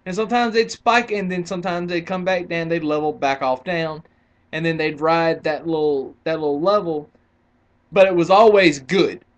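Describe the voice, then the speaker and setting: A man's voice: fairly high pitch, moderate pace. A man in his twenties ranting casually to camera as a wrestling vlogger, argumentative and rambling with frequent restarts. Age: 20s.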